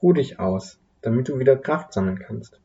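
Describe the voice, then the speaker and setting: A man voicing a gentle, cheerful little old woman who personifies Hope, speaking softly and kindly in a slightly muffled recording. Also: mid-range voice, expressive, normal speed, natural voice.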